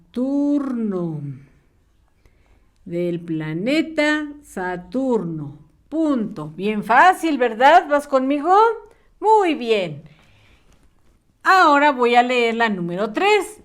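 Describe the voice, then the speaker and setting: Woman teaching little kids online, slow and patient, lively higher voice. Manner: slow, patient, sing-song questions to children. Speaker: primary school teacher. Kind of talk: online class for young children.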